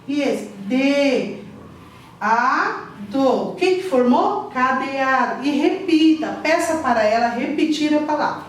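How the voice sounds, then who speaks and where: A woman teacher, talking very slowly and patiently as she spells out sounds one at a time. Her voice is a little high. It reaches the mic from a distance, in a room that echoes strongly, with a faint hiss behind it. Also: lively intonation. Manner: slow, patient, repeats syllables and asks "tudo bem?". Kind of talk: literacy lesson for parents.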